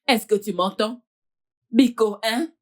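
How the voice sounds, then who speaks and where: A woman playing a worried mother in a French film dub, pleading with her grown children to stay calm. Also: a little high, takes it slowly. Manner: pleading, soothing.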